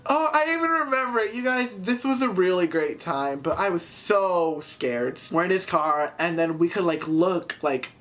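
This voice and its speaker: A teenage girl excitedly retelling a scary night out in a casual storytime, with many fillers and sudden jumps in pitch. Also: measured pace, hardly any pauses. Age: teens. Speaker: vlogger.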